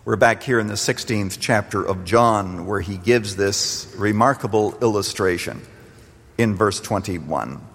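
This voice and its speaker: An older man from Canada preaching a radio sermon as pastor, animated, swelling to emphatic peaks and dropping low. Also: a little slow, gravelly, big-room sound.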